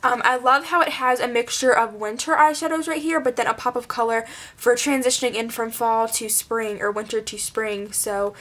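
A beauty vlogger with a slightly high, fairly bright voice chats and rambles about her favorite beauty products, using lots of fillers while she's congested and losing her voice. Her intonation is fairly even at a normal speed, and the close-range camera mic in her small bedroom picks up a little hiss or hum.

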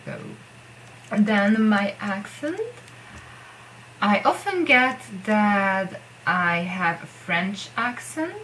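A young Hungarian woman vlogs in English, her second language, chatting casually to camera in her poster-covered bedroom. Her voice is lowish and a bit bright with a Hungarian accent, and she rambles self-deprecatingly with lots of filler "likes"; the audio is poor with slight background noise.

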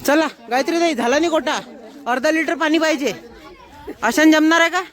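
A man's voice: very high-pitched, brisk. A young man from Maharashtra vlogging outdoors at a camp farewell, playfully teasing his friends. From Maharashtra, India. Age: young adult. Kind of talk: casual teasing vlog chat. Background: crowd of students chatting.

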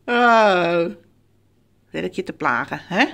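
A woman, chatting playfully to her pet birds, coaxing them in a sing-song way with high squeals of praise. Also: slightly rough. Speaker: pet bird owner filming her birds.

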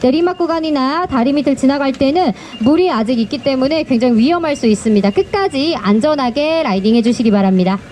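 Her high, slightly mellow voice is animated and quick, with hardly any pauses, as she gives live announcements at an outdoor cycling start. Courteous in a customer-service way, she encouragingly repeats the safety instructions for riders while vehicles pass in the noisy background.

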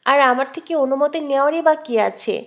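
A hurt, restrained young woman, voiced by a woman narrator answers in quiet, subdued, clipped lines. The voice stays high but softer and lower in volume than the surrounding narration. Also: a little fast, muffled recording.

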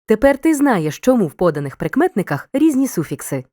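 Woman narrating a lively video lesson. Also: mid-range voice. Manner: clear, deliberate dictation of examples. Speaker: teacher.

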